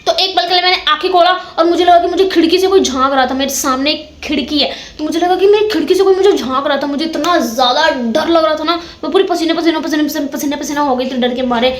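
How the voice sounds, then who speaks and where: A woman's voice: high voice, fast talker, few pauses, slight background noise. A young woman casually telling a ghost story of her own, dramatic and repeating words for suspense. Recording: echoey room.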